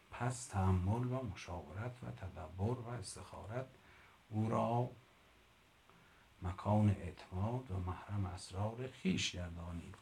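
A man's voice: deep voice, gravelly, a little mellow, a little hiss or hum. A man teaching a literature lesson. He reads classical prose aloud, explains it in plain speech, and stops to correct his own pronunciation. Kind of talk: explaining a classical Persian text line by line.

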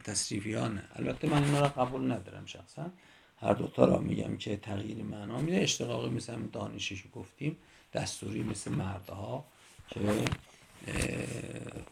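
A man's voice: mid-range voice, creaky, noisy background. A man teaching a grammar lecture, explaining step by step with examples.

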